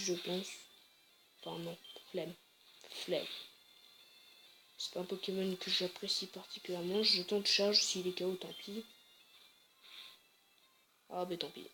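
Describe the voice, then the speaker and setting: A woman's voice: mid-range voice, fairly bright tone, a little hiss or hum. A woman casually commenting on her game, chatty and hesitant, often correcting herself. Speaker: let's play gamer.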